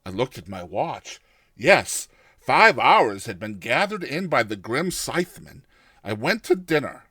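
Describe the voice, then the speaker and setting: A man gives a theatrical, expressive first-person reading of a classic short story, much like a dramatized audiobook. His voice sits at a medium pitch with a breathy edge, and he takes his time. The recording is dry.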